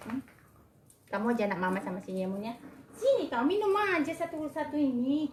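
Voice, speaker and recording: A woman speaks to her pets in doting, coaxing baby-talk, with a voice pitched a little high that leaps up and down. The sound echoes off the walls of a room at home. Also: very animated, a little fast, slight background noise. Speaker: pet owner.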